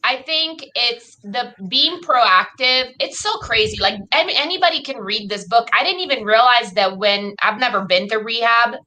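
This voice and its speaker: Bright-voiced Italian-accented woman. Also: a little high, normal speed, hardly any pauses, poor audio. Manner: chatty, enthusiastic, rambling. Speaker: guest. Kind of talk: casual chat.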